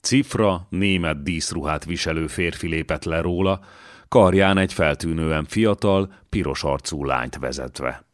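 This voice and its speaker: A man narrates a historical novel in a deep, low voice. His reading is measured and dramatic, and the sound is dry and close. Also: no echo. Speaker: audiobook narrator. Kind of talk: scripted narration.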